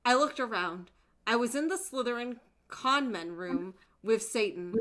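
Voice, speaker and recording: A woman's voice: on the high side, expressive, measured pace, a bit bright. A young woman streamer giving a comedic dramatic reading of narration, often breaking into laughter. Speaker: streamer hosting a group reading.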